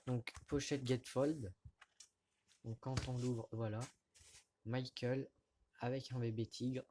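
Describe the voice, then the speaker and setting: A man with a mid-range voice talks casually to his camera at home while showing off vinyl records. He speaks haltingly, with many fillers and restarts. A faint hiss sits under the recording. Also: mid-range voice, level tone. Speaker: record collector vlogger. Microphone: camera mic at close range.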